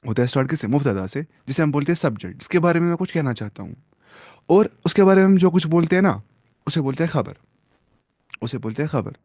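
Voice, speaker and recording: A man's voice: a little high, animated, fast talker, warm tone, no echo. Man teaching grammar, dry close sound. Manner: asks rhetorical questions and answers them himself; mixes English terms into explanations. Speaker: Arabic teacher. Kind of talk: classroom grammar lesson.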